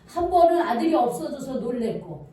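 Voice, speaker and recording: Woman pastor, sermon delivery with questions to the pews, warm mellow tone, miked from a distance in a reverberant church. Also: sits high, very animated, brisk. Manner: asks the congregation questions and answers them. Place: church sanctuary. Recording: echoey church hall, voice from far off.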